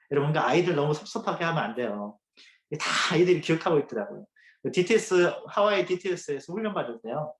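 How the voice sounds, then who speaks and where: A male pastor preaching a sermon in a church, telling the story vividly and swinging between loud and hushed. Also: high voice. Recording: echoey room sound.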